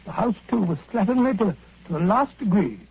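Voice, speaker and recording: An actor playing an earnest, good-natured doctor companion who talks chattily and a little hesitantly, in 1940s radio acting. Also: male voice, sits high, lively intonation, fairly quick, vocal fry, slightly rough, exaggerated voice. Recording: tinny old radio broadcast.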